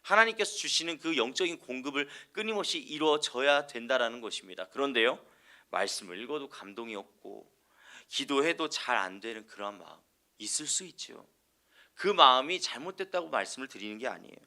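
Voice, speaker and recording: A man's voice: mid-range voice, lively intonation, brisk, bright, forceful tone. A male evangelist preaching an earnest sermon, posing rhetorical questions to the congregation and answering them himself.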